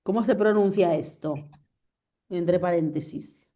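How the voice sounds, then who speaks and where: Patient woman teaching French, mellow voice. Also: lowish voice, measured pace. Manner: patient, checks understanding often. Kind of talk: online class explanation. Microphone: video call.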